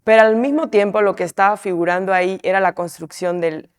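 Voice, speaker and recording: A woman's voice: medium pitch, fairly even intonation, fairly quick, no echo, studio quality. A woman, an artist, explaining a piece in an interview in a reflective way, often tagging her sentences with questioning asides. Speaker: artist in a collective.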